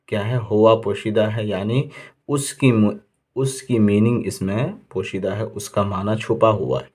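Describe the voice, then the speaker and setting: Brief: low-pitched male teacher drilling verb forms, patient and methodical. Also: steady tone, a little mellow. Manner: patient, repeats each word with its meaning, asks and answers his own questions. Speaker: Arabic grammar teacher. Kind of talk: classroom lesson explanation.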